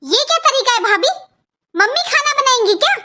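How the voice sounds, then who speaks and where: A woman's voice: very high voice, sing-song, brisk, bright, forceful tone, slight background noise, exaggerated voice. A woman voicing a sarcastic, spoiled young married daughter who taunts her sister-in-law in a Hindi cartoon. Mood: taunting.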